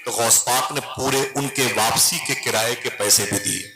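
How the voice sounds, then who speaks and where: A male preacher with an Urdu-inflected Hindustani accent tells a story from a stage, voicing each speaker in turn and climbing to high, emphatic lines. His mid-pitched voice carries through a microphone into a large gathering. The public-address sound rings with heavy echo. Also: moderate pace. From northern India. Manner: dramatic, acts out dialogue, rising to high emphatic lines. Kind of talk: storytelling sermon.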